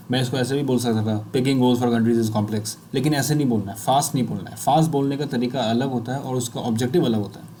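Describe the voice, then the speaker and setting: A man with an Indian accent coaching people who stammer, mixing Hindi and English and reading English sentences one word at a time with pauses. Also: mid-range voice, mellow, a little hiss or hum. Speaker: speech fluency coach. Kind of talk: slow instructional demonstration.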